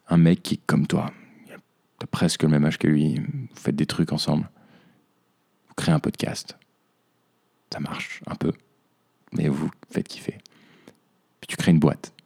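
A young man with a very deep, gravelly voice and a dark, mellow tone. He hosts a podcast in a reflective personal monologue and looks back on hard months. He speaks to himself as "you". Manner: introspective, addresses himself as "tu". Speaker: podcast host.

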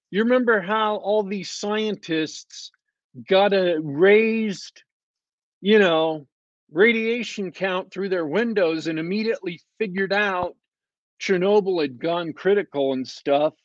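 A podcast host with a high voice reviews a TV show casually and sarcastically, wandering off topic with lots of ums and restarts. The recording is dry, slightly dull lo-fi.

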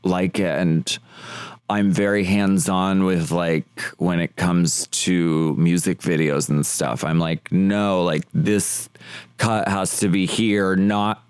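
A man's voice: low voice, level tone, slow pace, smooth, no echo. A man being interviewed as a drag performer, chatting casually and rambling with lots of "like" fillers.

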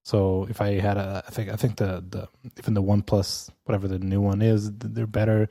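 Podcast guy rambling about his new phone, mellow low-key voice, lots of uhs and likes, dry close sound. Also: little pitch movement, brisk, dry recording. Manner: rambling, many fillers and restarts, laughs often. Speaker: podcast co-host. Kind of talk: casual chat. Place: lives in Amsterdam.

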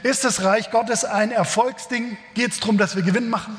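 A man's voice: high voice, steady tone, normal speed. A man preaching a sermon, reading Scripture and explaining it in a casual, joking way with many fillers. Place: church. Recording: echoey church hall.

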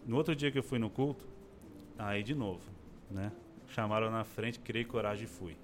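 A man's voice: fairly low pitch, normal speed, faint music behind. A man in his forties, an interview guest, telling a personal testimony in casual chat and acting out the voices of the people he quotes. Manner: expressive storyteller, acts out quoted voices.

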